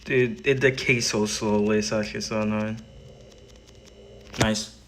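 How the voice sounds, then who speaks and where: A man streaming a game, talking casually to his chat in quick rambling bursts and restarts. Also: lowish voice, level tone, a little hiss or hum. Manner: rambling, talks to chat while playing; quick bursts, trailing off mid-sentence. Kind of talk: casual gaming livestream chat.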